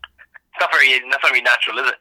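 Irish male co-host calling in by phone; very bright, piercing voice, animated casual banter. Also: mid-range voice, quick pace, breathy edge, no room sound, rough recording. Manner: animated, swears freely. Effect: heard over the phone. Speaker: podcast co-host. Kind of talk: casual chat.

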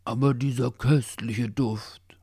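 A man voicing a greedy, dreamy male Labrador mix in a storybook reading, with a drawn-out, longing way of talking. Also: fairly low pitch, animated, vocal fry, slightly rough, no echo, clean studio sound, heavily acted.

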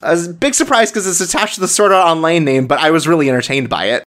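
A podcast co-host of middling pitch talks casually about anime in a loose, rambling way. The speech is full of filler words and breaks easily into laughter. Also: fast talker, fairly bright tone. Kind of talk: casual chat.

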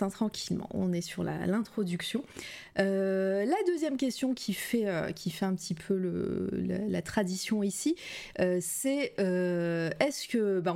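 A woman hosting a casual live-stream interview, relaxed and hesitant, greeting viewers and asking questions. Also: medium pitch, creaky. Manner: relaxed, hesitant, many fillers and restarts.

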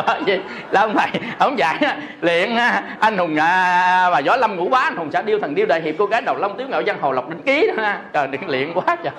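High-voiced monk, jokey sermon. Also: male voice, expressive, fairly quick, a crowd in the background. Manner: jokey, laughs often, peppers talk with rhetorical questions. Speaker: Buddhist monk preaching.

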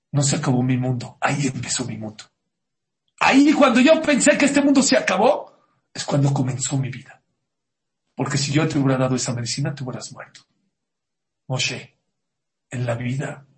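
Dramatic man telling a story. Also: medium pitch. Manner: dramatic storyteller, swings from loud outbursts to near-whispers. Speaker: rabbi giving a talk. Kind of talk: storytelling sermon.

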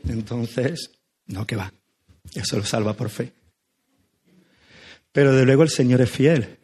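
Hoarse man preaching a sermon. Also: mid-range voice, measured pace, darkish tone. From Spain. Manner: affectionate, joking, conversational preaching. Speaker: guest pastor. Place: church.

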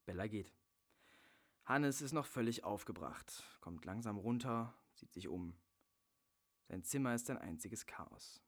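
A man reading a screenplay's stage directions aloud in a calm, low voice. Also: a little slow. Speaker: narrator.

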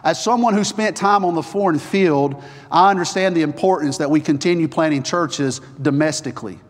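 Male chapel preacher, Appalachian twang of the hillbilly kind, high-pitched, driven and exhorting, recorded in an echoing hall. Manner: energetic, fast talker; earnest, exhorting. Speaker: preacher at a Bible college chapel. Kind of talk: sermon with announcements and scripture reading. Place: large chapel, preaching to students. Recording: echoey hall with long reverb.

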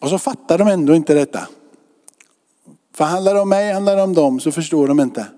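A male pastor preaches in a church, his voice pitched somewhat high but with a dark, mellow tone. He talks to the congregation in a loose, conversational manner and keeps checking that they follow along. The sound carries a long reverb from the church hall. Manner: conversational preaching with rhetorical questions. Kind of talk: sermon.

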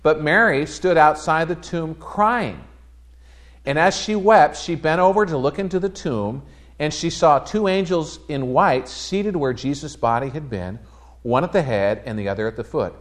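A man preaching a sermon in a church, telling a story conversationally with lively quoted voices. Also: fairly high pitch, moderate pace. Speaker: pastor. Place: church sanctuary.

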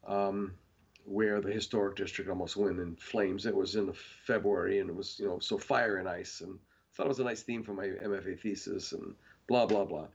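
A man's voice: low voice, steady tone, fairly quick, vocal fry, breathy edge, lo-fi sound. A man, a painter being interviewed, talking in a rambling casual way with many fillers and restarts.

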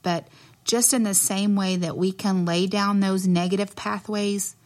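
A woman's voice: medium pitch, steady tone, unhurried, darkish tone. A woman with a West Texas accent speaking as a nurse guest in an interview, explaining earnestly and choosing her words carefully.

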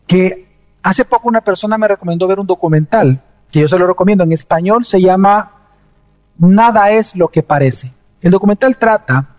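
A man's voice: sits high, a little mellow. A man preaching a sermon, speaking earnestly and conversationally and addressing listeners directly. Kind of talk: sermon with storytelling. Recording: long reverb of a hall.

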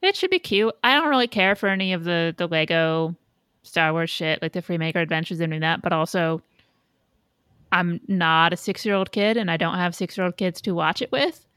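A woman's voice: on the low side, moderate pace, fairly bright tone, clear, resonant tone, no echo. Blunt woman, dry close sound. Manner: blunt, opinionated, swears casually. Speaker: podcast co-host. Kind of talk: casual fan chat.

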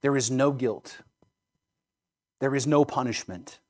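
A man's voice: medium pitch, a little slow. A man preaching a sermon as a pastor, earnest and emphatic, drawing in his listeners with rhetorical questions.

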